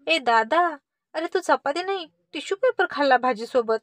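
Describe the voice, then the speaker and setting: Brief: woman doing bratty kid sister, teasing, high and bright, dry close. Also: normal speed, no room sound, close to an everyday voice. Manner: teasing, excited. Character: cheeky teasing younger sister, excited.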